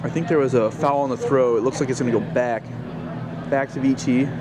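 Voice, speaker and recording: A man's voice: medium pitch, steady tone, a little fast. A man giving amateur live play-by-play of a field sport, ending his sentences on an upward inflection. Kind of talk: live play-by-play commentary of an ultimate frisbee game. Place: outdoors beside a playing field. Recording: noisy outdoor recording with traffic ambience.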